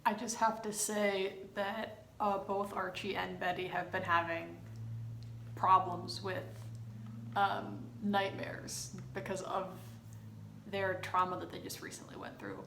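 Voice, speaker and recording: A woman's voice: mid-range voice, level tone, a little slow, creaky, a bit bright. A young woman hosting a casual reaction video, chatty and opinionated as she comments on a TV episode. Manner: chatty, opinionated, bursts into laughter. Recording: roomy room with faint noise.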